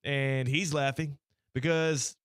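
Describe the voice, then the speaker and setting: A man's voice: medium pitch, steady tone, slow pace, a bit bright, clean tone, dry recording, studio quality. An American man hosting casual radio chat, his speech a little slurred, with a mouth half numb from the dentist. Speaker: sports radio show host. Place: radio studio.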